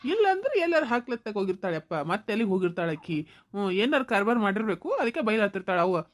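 A woman voicing a grown son who calms his angry mother, with a North Karnataka Kannada accent. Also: medium pitch, quick pace, natural voice. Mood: soothing. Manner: soothing, placating. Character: grown son, calm and soothing.

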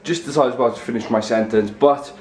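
A young man vlogging at home talks quickly in a mid-range voice, rambling in loose run-on sentences while nursing a stuffy nose and sore throat. He films on a handheld camera at arm's length in the house's small rooms.

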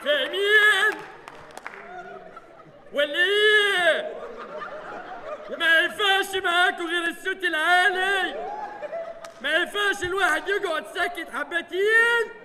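An actor playing a loud-voiced village man who shouts everything in a live stage comedy. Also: measured pace, pauses often, crowd noise. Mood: indignant. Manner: shouting, booming. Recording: hall reverb, audience noise.

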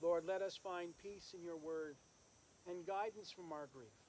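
Speaking at a measured pace with a darkish tone, a minister with a high-pitched voice leads a funeral's graveside sermon, reading scripture and praying outdoors in an open rural cemetery. The audio is poor, captured by a camera several metres off amid insects and other nature sounds.

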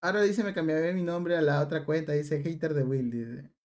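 A man's voice: a little high, fairly quick, darkish tone. A young man streams a game, reading chat aloud and teasing viewers. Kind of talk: live stream chat while gaming.

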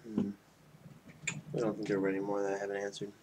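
A man's voice: fairly low pitch, completely flat delivery, fast talker, warm tone, low-quality recording. A man in his twenties, tipsy from beer, rambling casually and loosely to his friends in a homemade webcam vlog. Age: 20s. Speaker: video blogger. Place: small indoor room at home. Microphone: webcam mic at about arm's length. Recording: faint noise on webcam audio.

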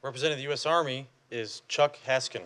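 A man's voice: medium pitch, fairly even intonation, a bit bright. Man emceeing a memorial ceremony. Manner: brief, measured introductions. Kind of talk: formal ceremony announcements.

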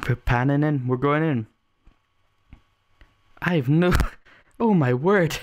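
A man giving excited let's play commentary, giggly and full of exclamations. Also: on the high side, slow.

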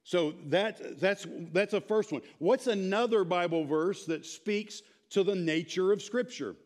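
A man in his thirties teaching a church class in an animated, informal way, quizzing the group. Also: high voice, measured pace. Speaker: Bible teacher. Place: church sanctuary, speaking to a small audience.

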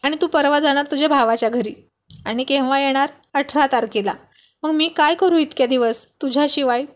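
A woman voicing a romantic, teasing young husband who is quick to sulk, pleading and playful, dropping English phrases into his talk. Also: sits high, close to an everyday voice.

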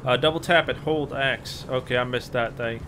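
A man's voice: mid-range voice, moderate pace, noisy background. A young man giving casual gameplay commentary, reading prompts aloud and joking around. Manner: reads on-screen prompts, loose and joking. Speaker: gaming channel host.

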